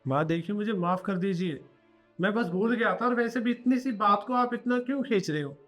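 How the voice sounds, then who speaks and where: Guy playing a son arguing with his mom, kinda high voice, defensive, light music behind. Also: fairly quick, a bit bright. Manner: defensive, pleading. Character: young working husband, short-tempered then apologetic. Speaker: son and husband. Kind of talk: short family drama acting.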